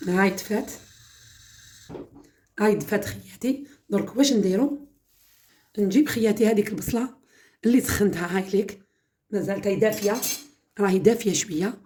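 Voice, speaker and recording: A woman's voice: mid-range voice, brisk, long pauses, warm tone, slight background noise. A woman with an Algerian Arabic accent hosting a home cooking channel, chatting through a home-remedy demonstration and often calling her viewers "my sisters".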